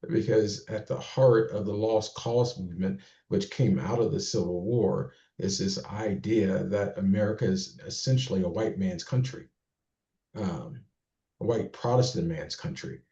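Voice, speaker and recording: A man speaking at an online meeting, thinking aloud with many pauses and fillers. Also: fairly low pitch, warm tone, roomy sound, dull audio. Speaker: guest speaker.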